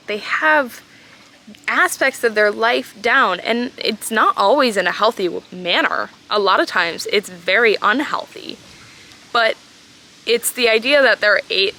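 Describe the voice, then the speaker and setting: A woman talks solo as a podcast host while sitting outdoors in a pool. Her voice is bright and forceful at an average pitch. She speaks informally and earnestly, leaning on key words in a casual motivational style.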